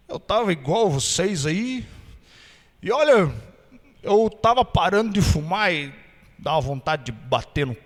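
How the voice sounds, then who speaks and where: A man's voice: fairly high pitch, big-room sound, voice pushed down. A man doing a shy, mumbling countryman. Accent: Minas Gerais. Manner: slow, hesitant, mumbling. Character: shy burly older man from the countryside, a former smoker.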